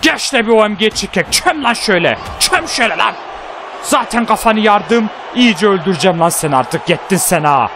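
A man hosting a gaming channel, giving excited live commentary on a wrestling match, trash-talking his opponent and shouting out pin counts. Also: high-pitched, brisk, a faint crowd, slight background noise.

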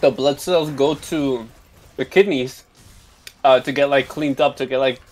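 A man's voice: mid-range voice, steady tone, unhurried. A young man chatting casually with friends over a game, rambling and swearing, often tacking on "you know what I mean.". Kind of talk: casual chat.

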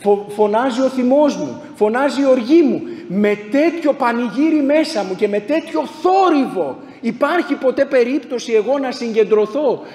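A man's voice: very high voice, lively intonation, few pauses, a little mellow. A man, a priest, preaching a sermon in a church, asking rhetorical questions and answering them himself in emphatic repeated lists. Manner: rhetorical, asks and answers his own questions. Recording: echoey church hall, faint background hum.

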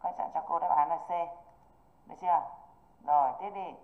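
A woman teaches an online English exam review, stopping often to check that her students follow. Her voice sits a little low. It comes through a narrow, tinny video-call line. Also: fairly even intonation, brisk. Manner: patient, repeatedly checking students understand.

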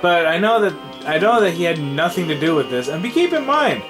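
Young man, tired, gameplay commentary, lively rising voice, faint game music. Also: a little high, fairly quick. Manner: rambling, animated, trailing off with fillers. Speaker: let's play host.

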